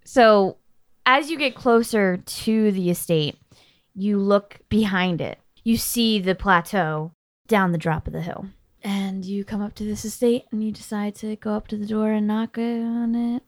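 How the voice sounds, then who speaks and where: A woman's voice: mid-range voice, unhurried, no room sound. A woman narrating scenes as game master in a casual tabletop podcast.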